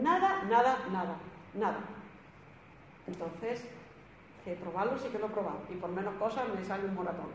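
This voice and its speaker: A woman giving an emphatic spiritual talk to a group, repeating phrases and acting out what people said. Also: medium pitch. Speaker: spiritual speaker. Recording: echoey hall, some background noise.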